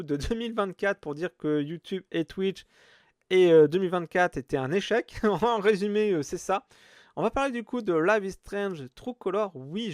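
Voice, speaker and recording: A man's voice: sits high, no echo, clean studio sound. A man giving a casual video game review in French, rambling with many fillers and restarts.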